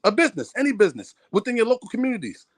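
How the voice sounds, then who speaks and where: A man's voice: high voice, sing-song, rapid-fire, no echo. A man in a heated debate, insistent and talking over the others.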